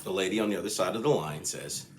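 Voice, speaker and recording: A man's voice: low-pitched, fast, slight background noise. A man casually telling a long story, rambling, laughing often and repeating himself. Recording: echoey room with faint ambience.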